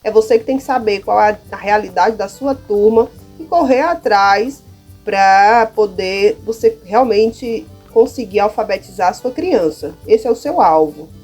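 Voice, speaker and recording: Soft music plays as a Brazilian primary school teacher speaks at a measured pace, her mid-range voice darkish and a bit breathy, with a Brazilian Portuguese accent. She walks through classroom material in a casual, chatty demonstration, pausing often to check in with listeners.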